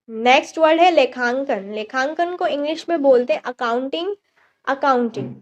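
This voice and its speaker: Woman reading english vocab words, high voice, slow steady pace, says each word twice. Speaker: vocabulary teacher. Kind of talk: word-list vocabulary lesson.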